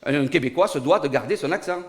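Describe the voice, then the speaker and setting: A man with a Niçois southern French accent telling a comic monologue, animated and rising to loud outbursts. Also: fairly high pitch, fast talker, a little hiss or hum. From Nice, southern France. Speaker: stand-up comedian. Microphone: studio recording.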